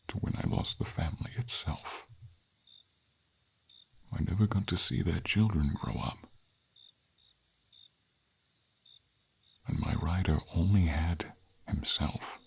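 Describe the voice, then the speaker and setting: For an ASMR fantasy roleplay, a man performs a dramatic monologue as a wise, friendly old silver dragon who is the wistful protector of a knight. His exaggerated voice is deep and gravelly with a breathy, whispery rasp that often drops to a whisper. The mood is sorrowful, solemn yet tender, with formal storybook diction.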